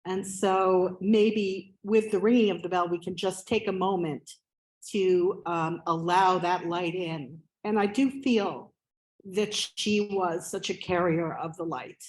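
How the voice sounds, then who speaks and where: A woman giving spoken memorial remarks as a family member, halting, with many fillers and restarts, into a microphone at a gathering. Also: on the low side, steady tone, a little mellow, poor audio.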